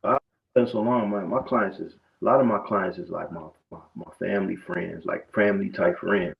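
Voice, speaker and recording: A barber appears as a guest in a casual interview, telling his story loosely and conversationally with many restarts. His low, creaky voice holds a steady tone at normal speed, heard through dull, muffled lo-fi sound.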